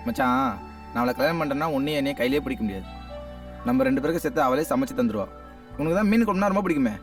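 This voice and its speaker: Brief: a man as a lovelorn buddy, animated and fast. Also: medium pitch, close to an everyday voice. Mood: pleading. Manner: pleading, lively. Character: lovesick young male friend, pleading. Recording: distant film audio with music.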